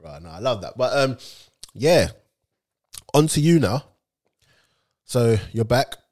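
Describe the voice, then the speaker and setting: A man's voice: medium pitch, sing-song, takes it slowly, a little mellow. A man with an urban London roadman accent, chatting casually and slangily as an interviewer. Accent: London, urban street. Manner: slangy, matey. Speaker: interviewer, host. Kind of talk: casual football chat interview.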